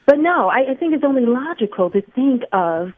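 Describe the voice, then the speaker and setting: A woman from Barbados calling in to a radio talk show, thoughtful and measured. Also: high voice, expressive, no room sound. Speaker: caller. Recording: tinny phone line.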